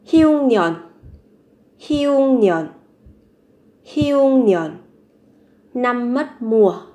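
A woman's voice: a little high, lively intonation, drawn-out words, dark tone. A woman teaching a vocabulary lesson, saying each word three times and then explaining it patiently. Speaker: language teacher. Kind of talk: vocabulary lesson, repeating words slowly.

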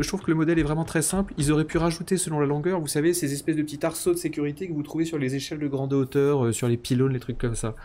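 A man's voice: on the high side, darkish tone, a little hiss or hum. Man muttering and joking through a stream. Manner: mock-grandiose, self-ironic banter; thinking aloud, counting and muttering while building. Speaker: streamer playing a factory-building game. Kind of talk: casual live-stream commentary.

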